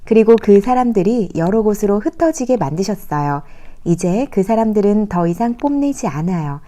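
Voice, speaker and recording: Gently reading children's Bible stories, this female storyteller uses a mellow, soft-toned voice of medium pitch. Her intonation is lively, her speed normal, and she explains everything as if talking to small kids.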